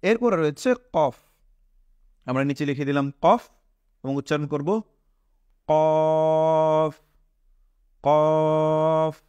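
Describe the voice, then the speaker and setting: With lively intonation, normal speed and long pauses, a Bangladeshi Bengali-accented Quran teacher patiently elongates and repeats letter sounds for his class, answering his own questions. His slightly high male voice has a darkish tone with the highs cut off. The recording is close and dry, free of room echo.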